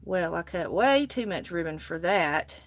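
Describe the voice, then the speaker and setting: Working at her table on a live crafting stream, filmed from overhead indoors, a Southern US woman chats easily with her viewers. She speaks in a lowish voice with lively intonation, unhurried, with slight background noise.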